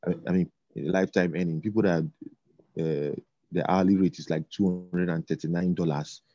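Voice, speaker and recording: A man talking in a relaxed conversation, halting and repeating himself with many fillers. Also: sits low, no room sound. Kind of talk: casual conversation. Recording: dull lo-fi sound.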